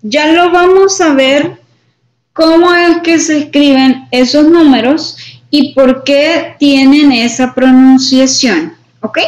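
A woman English teacher leading a slow counting drill in an online class, patiently saying each number clearly. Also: sits high, roomy sound, low-quality recording.

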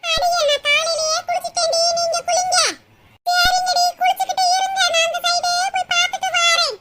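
A woman voicing bossy, loud village women in a cartoon, with a southern Tamil accent and a shrill, scolding manner. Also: level tone, a little fast. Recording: loud background noise.

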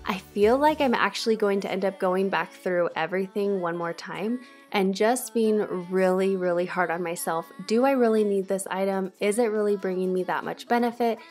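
Chatty young woman vlogger over soft music. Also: mid-range voice, moderate pace. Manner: chatty, encouraging, repeats words for emphasis. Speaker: home cleaning vlogger. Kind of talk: casual voice-over narration. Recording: faint background music.

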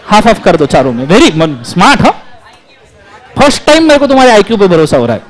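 A high, animated male lecturer teaches a classroom. His voice swoops widely as he drills students and asks them to answer aloud. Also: fast talker, a faint crowd. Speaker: law lecturer.

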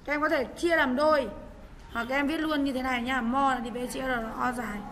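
Bright-voiced woman teaching a class. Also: high voice, fairly even intonation, fast, long reverb tail, a little hiss or hum. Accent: Vietnamese. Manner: patient, repeats key points, calls on students. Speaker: English teacher. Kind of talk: online class lesson.

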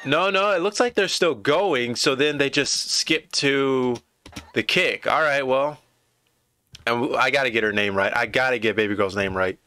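A man streaming a rugby match, chatting casually and excitedly to his viewers as he reacts to the play. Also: mid-range voice, normal speed, clear, resonant tone. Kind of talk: casual live reaction commentary.

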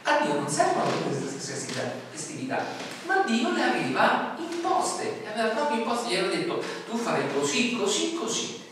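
A man's voice: very high-pitched, huge pitch swings, normal speed, recorded from a distance, noisy background. A middle-aged man from Italy preaching a sermon in a small church hall, talking casually and putting questions to the congregation. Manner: conversational, asks the congregation questions. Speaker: pastor. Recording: echoey hall, voice from afar.

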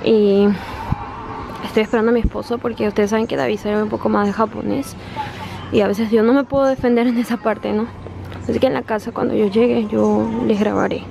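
A woman vlogs casually from her home in Japan, still wet from the rain, chatty and repeating her words while often calling her viewers "chicas." Her mid-range voice is steady, brisk, and creaky. Music plays in the background.

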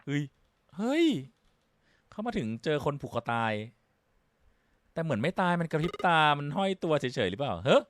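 A man's voice: on the high side, animated, a little fast. A man giving casual, joking let's-play commentary on a horror game, chatty and cursing casually. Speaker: game streamer. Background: game music.

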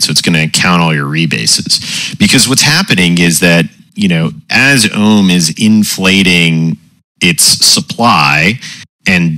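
A man talking through a voice changer that drags his voice down into an extremely low, synthetic register. The tone still comes through bright and forceful, and the sound is close and dry. He hosts a casual community call and explains things loosely, often checking in with "right?". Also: no room sound. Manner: relaxed, explains with frequent "right?" and "you know". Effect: voice changer pitching the voice very deep. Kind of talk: casual chat.

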